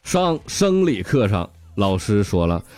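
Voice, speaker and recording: Man, Northeastern Mandarin accent, stand-up jokes, very animated pitch, stammering restarts, music behind. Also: unhurried. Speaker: comedian. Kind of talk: stand-up joke telling.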